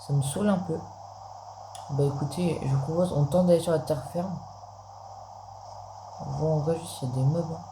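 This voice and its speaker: A man's voice: fairly high pitch, fairly even intonation, normal speed, pauses often. A man giving casual gameplay commentary, chatting straight to his viewers as a gaming video creator. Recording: roomy echo, faint background noise.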